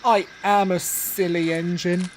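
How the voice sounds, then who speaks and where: A man voicing a cheeky little male tank engine in a storybook reading, squeaky and excitable. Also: a little slow, a little hiss or hum. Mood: dismayed.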